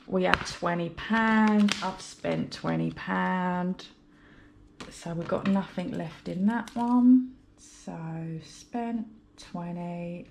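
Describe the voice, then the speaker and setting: The UK budgeting vlogger, congested from a head cold, chats casually in British English as she goes through her cash, rambling and apologizing along the way. Her pitch is fairly low with vocal fry, and there is slight background noise.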